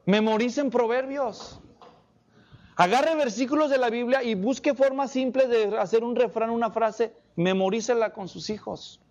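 Male preacher, high-pitched, lively sermon delivery that fires questions at the listeners; slightly muffled recording. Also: normal speed. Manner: animated, asks the congregation many questions.

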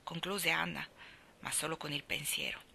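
A woman narrating an audiobook in a measured, quiet storytelling manner. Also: low-pitched, very animated, gravelly, a little hiss or hum. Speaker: audiobook reader.

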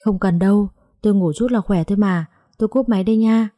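A woman's voice: mid-range voice, fast talker, warm tone, dry recording, studio quality, natural voice. A woman voicing a sad young woman journalist who brushes off concern. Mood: evasive.

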